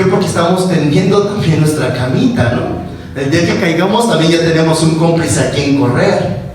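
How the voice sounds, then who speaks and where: A man preaching a sermon as pastor, mocking whiny voices and building to shouted exhortation. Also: on the high side, far from the mic, a little hiss or hum. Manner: mimics whiny voices of church members. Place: church sanctuary. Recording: echoey church sanctuary from afar.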